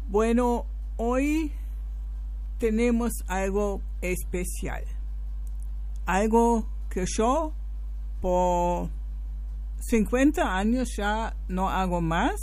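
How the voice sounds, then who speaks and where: A radio host with a German accent, from northern Germany, introducing the show slowly and answering her own questions. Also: medium pitch, darkish tone. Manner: slow, explanatory, asks and answers own questions.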